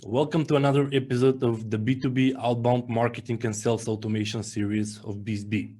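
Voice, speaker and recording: A man hosts an interview over a video call. His voice is mid-pitched and plain. He welcomes the guest and asks short, friendly questions. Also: fairly even intonation, fairly quick, mellow. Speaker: host.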